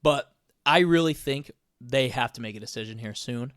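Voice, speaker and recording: A man co-hosting a podcast, talking in a casual, animated and opinionated way with lots of fillers. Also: medium pitch, moderate pace, no echo, studio quality. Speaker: podcast co-host. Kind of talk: casual chat.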